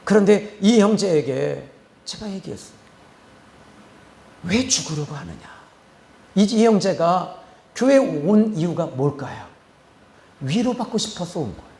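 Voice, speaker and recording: A man's voice: sits high, expressive, normal speed, vocal fry, dark tone, roomy sound. A man pastor preaching a sermon as dramatic storytelling, drawing out words for emphasis.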